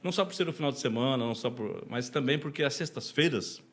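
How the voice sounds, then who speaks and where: A man's voice: medium pitch, fast, a bit bright. Chatty Brazilian man telling stories. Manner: chatty, laughs often, many "né?" tags. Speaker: podcast guest, deacon. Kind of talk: casual interview storytelling.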